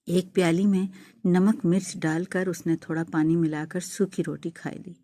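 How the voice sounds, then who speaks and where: A woman's voice: lowish voice, steady tone, dark tone. A woman narrating an emotional first-person story in a heartfelt, dramatic way. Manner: heartfelt and dramatic, rising to wailing pleas.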